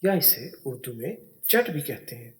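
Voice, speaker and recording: A man's voice: mid-range voice, big pitch swings, moderate pace. A man teaching English spelling and pronunciation, spelling words out letter by letter. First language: Urdu.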